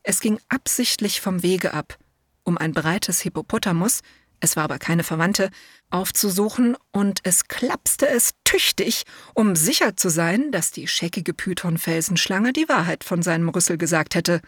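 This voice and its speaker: A woman reading a children's storybook aloud, gentle and measured, as if telling it to a child. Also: on the low side, breathy edge, no echo, studio quality.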